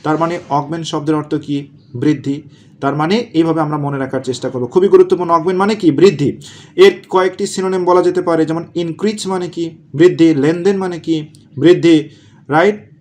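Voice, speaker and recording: Lively man drilling vocabulary. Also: fairly high pitch. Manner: asks and answers his own questions, drills words slowly. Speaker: exam prep tutor. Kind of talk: vocabulary lesson.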